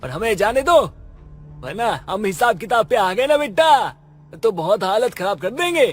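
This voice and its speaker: A man's voice: high voice, very animated, moderate pace, soft background music. A man voicing a blustering village goon in a cartoon who threatens people, then whines when he gets beaten. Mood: menacing. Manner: threatening, then whining and yelping. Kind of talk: cartoon voice acting.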